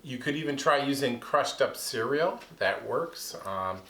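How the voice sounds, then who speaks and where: A man teaching a kids' science lesson in a casual, lively way, speaking to children. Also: medium pitch, a little slow. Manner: casual, lively, talks to kids. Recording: echoey room.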